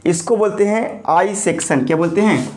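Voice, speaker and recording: Man, lecturing teacher, high-pitched voice, slightly hoarse from a sore throat, repeats each term as a question. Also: normal speed, a little mellow. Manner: repeats key terms as call-and-response questions. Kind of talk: classroom lecture.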